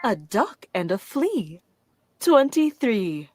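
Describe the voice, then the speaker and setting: A woman working as a bingo caller, announcing rhyming number nicknames in short, deliberate, separated calls. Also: on the high side, big pitch swings. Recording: loud music behind the voice. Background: loud music.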